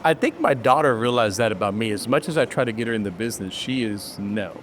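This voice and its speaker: A man's voice: medium pitch, animated, fast talker, a little hiss or hum. A man in his fifties, born in Cuba, hosting an interview in a casual, jokey, storytelling way. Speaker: podcast host. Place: restaurant.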